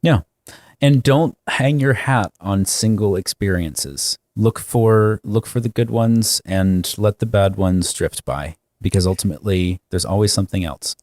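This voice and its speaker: A man with a fairly low voice co-hosts a casual podcast chat. He talks in an earnest, thoughtful way, often pausing on ums. The sound is close and dry. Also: a little mellow, no echo. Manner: earnest and reflective, with frequent ums. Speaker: podcast co-host.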